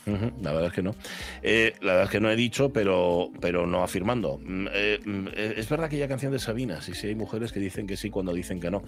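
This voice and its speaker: A man hosting a radio show, chatting in a relaxed way and pausing on fillers as he reads listener messages. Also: on the low side. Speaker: radio host. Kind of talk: casual radio chat. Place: radio studio.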